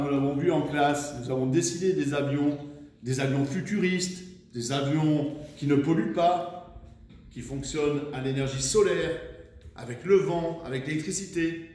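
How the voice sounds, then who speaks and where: A man teaching young children, dictating words slowly syllable by syllable and encouraging them, recorded far from the mic in an echoey room. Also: on the high side, a little mellow. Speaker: primary school teacher. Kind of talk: slow dictation lesson for children.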